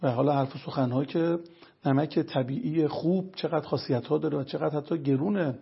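Man, guest lecturer, gravelly fry, very raspy voice, earnest storytelling, lo-fi dull recording. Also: fairly high pitch. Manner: earnest, lays out points one by one. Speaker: religious health lecturer guest. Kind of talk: explanatory storytelling talk.

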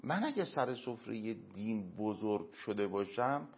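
A man answering as an interview guest, giving earnest moral and religious advice through everyday examples, with emphatic pauses. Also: fairly low pitch, very animated, creaky, slightly rough. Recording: dull lo-fi recording.

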